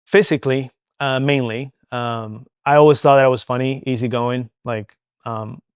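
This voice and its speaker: Candid young man, smooth dry voice. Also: medium pitch, no room sound. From Venezuela. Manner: candid, chatty, many fillers like "um" and "like". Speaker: guest. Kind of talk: casual interview talk.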